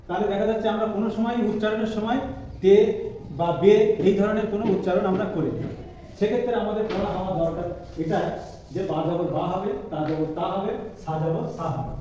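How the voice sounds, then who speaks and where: A man teaching Arabic letter pronunciation in a spoken lesson, patient and slow, repeating the letter sounds to drill them. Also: sits high, warm tone, a little hiss or hum. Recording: echoey room, voice from far off the mic.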